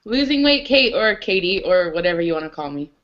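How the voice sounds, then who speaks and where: A woman's voice: fairly low pitch, lively intonation, a little fast. Laid-back woman guest on a web chat, muffled lofi audio. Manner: easygoing, laughs along. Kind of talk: casual web show chat. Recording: dull lo-fi webcam audio.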